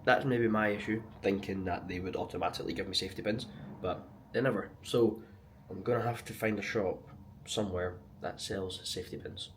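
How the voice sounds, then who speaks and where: Low-voiced Scottish man vlogging over clear noise. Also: fairly even intonation, a little fast, few pauses. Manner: chatty, colloquial. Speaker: vlogger, amateur marathon runner. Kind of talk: casual vlog chat. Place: on the move around a city, partly outdoors. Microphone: handheld action camera.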